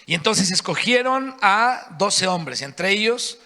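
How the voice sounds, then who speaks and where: A man with a Mexican accent preaching a sermon, telling the story in a lively way and acting out what the people in it say. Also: high voice, slow pace. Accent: Mexican Spanish. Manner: animated storytelling, acting out the quoted voices. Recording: reverberant hall.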